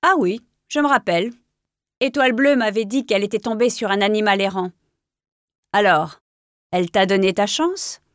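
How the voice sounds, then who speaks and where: A woman's voice: moderate pace, long pauses, clean tone, no room sound, studio quality, close to an everyday voice. A woman voicing a stern, imposing male warrior cat in a storybook reading, brusque and commanding. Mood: silky. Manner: brusque, then silky and low.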